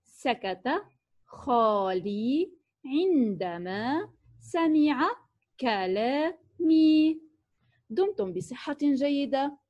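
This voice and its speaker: A high-pitched woman gives a children's reading lesson, drawing out each sound and word slowly and deliberately. The recording is dull and lo-fi. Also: sing-song. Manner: slow, careful enunciation of sounds and words. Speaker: teacher.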